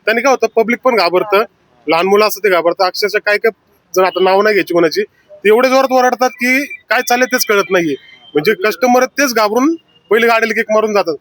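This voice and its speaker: A man who owns a hotel speaks fast and insistently in a street interview. His voice sits fairly high and sounds dry and close. He complains steadily about losses. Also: a bit bright, no echo. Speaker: hotel owner.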